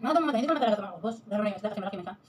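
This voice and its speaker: A woman's voice: medium pitch, expressive, racing, noisy background. A woman vlogger chatting casually to her viewers while chewing her food. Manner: chatty, addresses viewers directly. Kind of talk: casual mukbang vlog chat.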